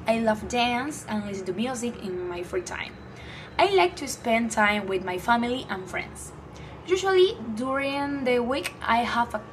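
In a small room, a teenage Ecuadorian girl whose first language is Spanish introduces herself to her phone's front camera held at arm's length, like a student vlogger. Her English is cheerful but halting, with an Ecuadorian Spanish accent, and she often pauses to find words. Her voice sits on the high side, and there's noise in the background.

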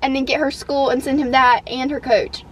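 A young woman with an Eastern North Carolina accent, chatting casually and giggling through quick asides in her vlog. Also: sits high, flat delivery, noisy background. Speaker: vlogger. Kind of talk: casual chat.

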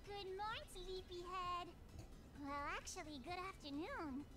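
Cutesy very high Compa. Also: female voice, animated, a little slow, over loud music. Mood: sweet, cheerful. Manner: cutesy, gentle, cheerful. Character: sweet, airy, kindly young nursing student girl. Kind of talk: video game dub acting.

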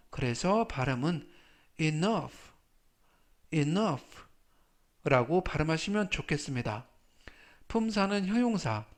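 A man teaching English vocabulary in Korean in a slow, careful lesson, patiently repeating each word three times. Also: fairly high pitch.

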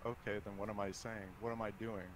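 A young man streaming on a headset, talking in a halting, measured way through a tense conversation. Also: on the low side, flat delivery. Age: young adult. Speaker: livestreamer. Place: small plain indoor room. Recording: faint background noise.

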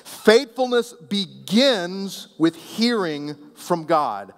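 A man preaching a sermon as pastor, conversational and playful with the congregation, often dropping soft and low at the ends of phrases. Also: very animated, very slow. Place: church sanctuary. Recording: long reverb of a church hall.

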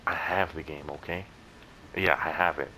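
Brief: young man, very low voice, loose rambling gameplay banter, slight hiss behind. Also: fairly even intonation, moderate pace, bright, forceful tone, low-quality recording. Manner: rambling, joking, yelps and laughs at the game. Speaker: gameplay YouTuber. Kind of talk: casual gameplay commentary.

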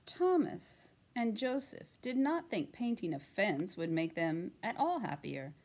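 A woman reading a children's picture book aloud in an expressive, animated way. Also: medium pitch, unhurried. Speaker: storytime reader.

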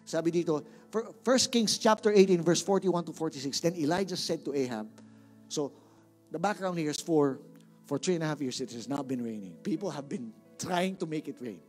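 A man's voice: on the high side, lively intonation, fairly quick, a little mellow, soft background music. A male pastor with a Filipino accent preaching a sermon in a church, emphatic, repeating words and calling on the congregation to answer back.

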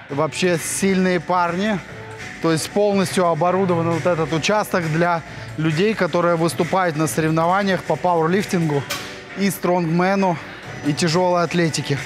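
Upbeat man touring a big gym. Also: high voice. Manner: enthusiastic, chatty, hesitant fillers. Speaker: fitness vlogger. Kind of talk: walking gym tour. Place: large indoor gym. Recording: music playing under the voice. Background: background music.

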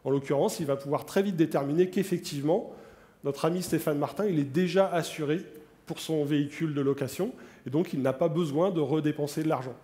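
A man's voice: fairly high pitch, a little fast. A man in his forties giving a keynote product demo on stage, talking straight to the audience with many fillers. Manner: animated, addresses the audience directly, many fillers. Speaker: keynote presenter. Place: large conference hall on stage. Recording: long hall reverb.

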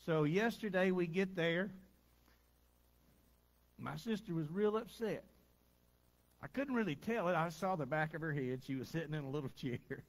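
A man's voice: fairly high pitch, lively intonation, moderate pace, long pauses. A middle-aged man, preaching in a down-home, conversational way during a church service, telling stories with little chuckles. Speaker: pastor. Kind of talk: folksy sermon storytelling.

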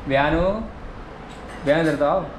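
A woman's voice: low-pitched, fairly even intonation, moderate pace, noisy background. A woman filming a home vlog, coaxing a small child again and again in a sing-song voice. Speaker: family member filming a baby. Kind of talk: casual home vlog chatter.

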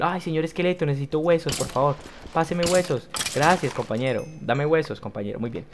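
Un hombre joven con acento colombiano narra su partida de un videojuego. Habla con entusiasmo y exclamaciones constantes, y se dirige todo el rato a quienes lo ven. Su tono es el de una charla informal de youtuber. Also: male voice, mid-range voice, a little hiss or hum. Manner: lively, exclamatory, talks to viewers as "señores". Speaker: gaming youtuber. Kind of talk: casual let's play commentary.

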